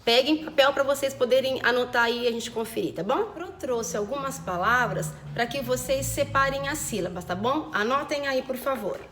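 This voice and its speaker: Brief: higher-voiced female teacher, slow careful dictation for kids, echoey room. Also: fairly bright tone, a little hiss or hum. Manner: slow, over-enunciated dictation of words; affectionate diminutives and frequent check-ins. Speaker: primary school teacher. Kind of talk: recorded remote lesson for children.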